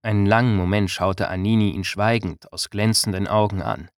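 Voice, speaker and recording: Calm guy reading a fantasy audiobook, lowish voice, very dry sound. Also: clean tone, dry recording. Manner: calm, measured, storytelling. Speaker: narrator. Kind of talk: audiobook narration.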